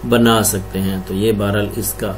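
Low-voiced man walking through floor plans. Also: flat delivery, moderate pace, a little hiss or hum. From Pakistan. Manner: explanatory, lists rooms one by one. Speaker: architect presenting house plans. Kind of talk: screen-recorded floor plan walkthrough.

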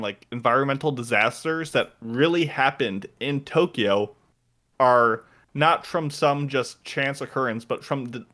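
Man, casual podcast co-host, rambling, excited, lots of "like", middle-pitched voice. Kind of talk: casual chat, recommending an anime.

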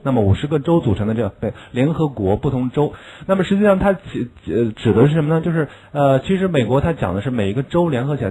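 In a classroom lesson, a man with a warm, medium-pitched voice teaches English vocabulary, explaining in Chinese and drilling words slowly. He chuckles at his own asides, and the recording quality is low.

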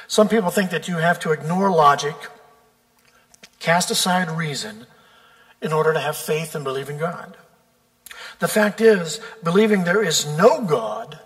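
In a slightly high and fairly bright voice, a pastor gives a sermon from the pulpit, deliberate and measured, drawing out key words to stress them. His voice carries a long reverb tail from the church sanctuary.

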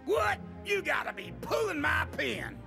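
War-hungry old general, coach-like bark, very gravelly, animated, cartoon game bluster. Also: male voice, very high-pitched, takes it slowly, heavily acted. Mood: outraged. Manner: barking like a football coach. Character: blustering, gung-ho older male army general, war-hungry. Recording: loud cinematic music behind.

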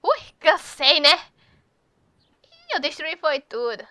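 High, bright chatty woman gamer. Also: sing-song, takes it slowly, no echo. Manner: chatty, teasing the game characters. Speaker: gameplay youtuber. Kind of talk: casual gameplay commentary.

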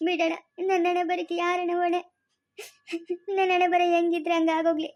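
Casting: a high-voiced performer as a sobbing young village bride who begs her brother, with a very high, tearful voice. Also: monotone, normal speed. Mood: tearful pleading. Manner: sobbing, pleading. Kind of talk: family village drama.

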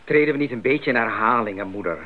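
In a 1980s Dutch radio drama, a male actor with a medium-pitched voice speaks fast, lightly acting the part of an earnest, idealistic young missionary explaining himself to his parents. The old recording is thin, band-limited, and sounds like it came over a phone.

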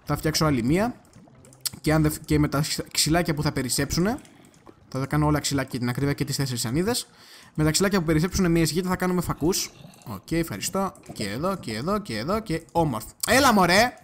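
A fairly high-voiced man talks his viewers through his gameplay in a loose, chatty way. He gets excitable fast and now and then bursts into loud cursing. A faint hiss sits under his voice. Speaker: gaming video creator. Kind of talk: casual gameplay commentary.

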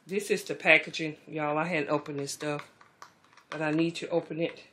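Tidying her beauty room in a bedroom, a middle-aged woman who vlogs about beauty chats easily with viewers she calls "y'all." Her voice is low and her pace moderate. The moving camera mic picks up a little hiss or hum.

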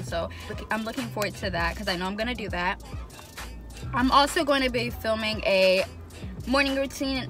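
A young woman chatting casually to camera as a vlogger, expressive and loose, with plenty of fillers. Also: medium pitch. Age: young adult. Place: room at home.

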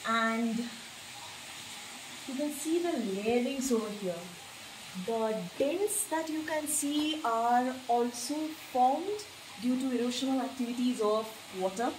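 A woman's voice: high-pitched, darkish tone, slight background noise, poor audio. A woman guiding viewers through a limestone cave, informally pointing out rock features as she films on a phone. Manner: informal explaining, pointing things out. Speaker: cave tour vlogger. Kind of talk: on-the-spot guided explanation.

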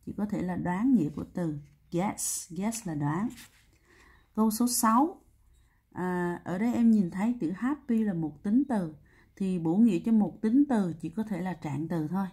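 Mellow husky woman teaching step by step. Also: mid-range voice, measured pace. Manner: explains step by step, checks understanding with tag questions. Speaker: English teacher. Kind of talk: exam answer walkthrough lesson.

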